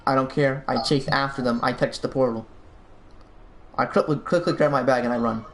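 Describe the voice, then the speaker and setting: A man's voice: mid-range voice, fairly even intonation, brisk, slight background noise. A man playing in a tabletop game, talking casually with blunt answers and stammered restarts. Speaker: player.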